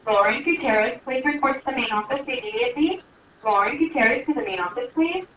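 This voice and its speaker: A woman in a school office paging a student over the PA loudspeaker, brief and businesslike. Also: sits high, quick pace. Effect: heard over a school PA loudspeaker. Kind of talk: public announcement. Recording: echoey, distant, dull PA sound with faint room noise.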